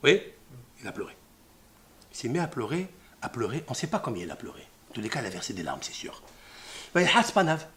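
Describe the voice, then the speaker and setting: A man giving a religious lesson on scripture, sprinkling Hebrew terms into his talk and swinging from hushed murmurs to loud exclamations. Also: mid-range voice, very animated, brisk, pauses often, slight background noise. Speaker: Torah teacher.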